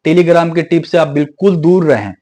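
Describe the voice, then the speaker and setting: Young man, high-pitched, indignant vlogger monologue with lots of repetition and English mixed in. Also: moderate pace, dark tone. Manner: indignant, repeats himself, code-switches into English. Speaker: video creator warning viewers. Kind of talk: casual direct-to-camera monologue.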